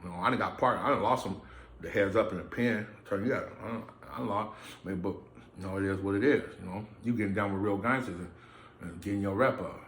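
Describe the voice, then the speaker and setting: A man's voice: lowish voice, fast talker, fairly bright tone, reverberant, a little hiss or hum. A man vlogging to his camera from a room indoors, telling a personal story in a blunt, streetwise way and swearing freely. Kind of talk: profane casual storytelling. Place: indoor room, filming himself under lights. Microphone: camera mic.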